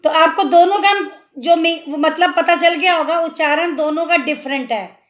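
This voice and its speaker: A woman's voice: very high-pitched, fairly bright tone. A woman Hindi teacher giving a children's lesson, drawing words out syllable by syllable and patiently explaining, asking the viewer questions as she goes. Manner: drawn-out syllable-by-syllable pronunciation of words. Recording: echoey room.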